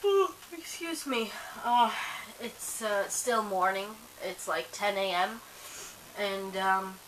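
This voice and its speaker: A young woman, Swedish by first language, vlogs to camera in a loose, rambling way, drowsy and full of fillers and restarts. Her mid-range voice is fairly bright and slow-paced. The low-quality recording has a faint hiss.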